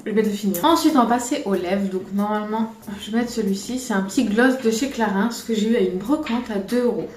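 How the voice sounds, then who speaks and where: A woman's voice: mid-range voice, brisk, few pauses, darkish tone. Woman from France, casual makeup vlogger; rambling, self-deprecating, roomy sound with faint music. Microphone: camera on a tripod.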